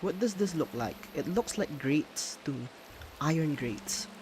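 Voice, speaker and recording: Over a noisy background, a Filipino streamer with a high-leaning, expressive voice chats casually in a Filipino accent as he builds in a game. Tagalog is his first language, and he thinks aloud, pausing to hunt for English words.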